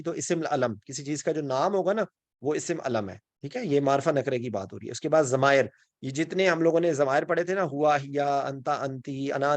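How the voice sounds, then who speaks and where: A man's voice: fairly high pitch, darkish tone, no echo. A man with a Pakistani Urdu accent gives an online grammar lesson in a slightly raised voice. He explains step by step, keeps checking in with his students and slips English words in. The recording is dry and close, with no room sound. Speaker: Quran and Arabic grammar teacher. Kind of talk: online class lecture.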